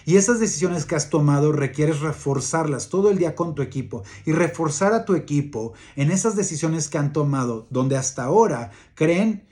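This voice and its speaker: A man giving a leadership coaching talk, earnest and repetitive, halting with fillers as he tells a workplace story. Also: on the high side, animated, a little mellow. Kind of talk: motivational talk with anecdote.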